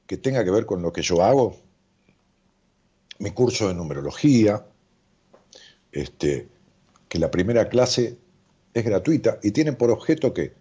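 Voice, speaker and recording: Un psicólogo rioplatense que lee comentarios en vivo, con voz oscura y ronca y tono muy cambiante. Suena relajado y disperso, lleno de muletillas. La grabación es opaca y de baja fidelidad. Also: male voice, on the low side, husky. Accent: Rioplatense Spanish. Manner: animated, rambling, jokey, with many fillers. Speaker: psychologist hosting a live stream. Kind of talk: casual live-stream chat reading viewer comments. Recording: dull lo-fi stream audio.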